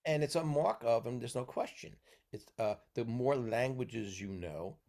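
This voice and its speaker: A New York man from the US Northeast speaks at a moderate pace in a mid-range, slightly mellow voice. Acting as a mentor in a casual podcast chat, he lectures at length and tags his points with "okay?" to check in.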